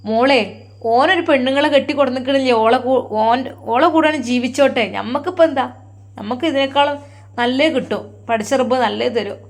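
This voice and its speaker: A woman's voice: sits high, a little fast. A woman voicing a caring, protective middle-aged mother who comforts and scolds, with a Malappuram Malayalam accent. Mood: soothing. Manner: soothing, firm.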